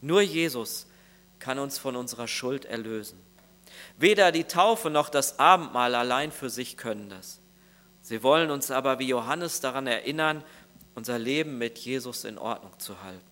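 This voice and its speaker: A male pastor delivering a sermon in an earnest, searching tone, turning again and again to address the listener directly. His voice is bright and forward. He speaks at an ordinary pitch. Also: expressive, moderate pace.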